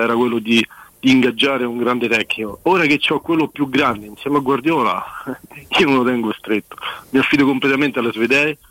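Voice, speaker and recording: A man's voice: mid-range voice, fairly bright tone, dry recording, rough recording. Man calling in to a radio show. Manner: talkative, earnest, a little aggrieved. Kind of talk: casual call-in chat about football.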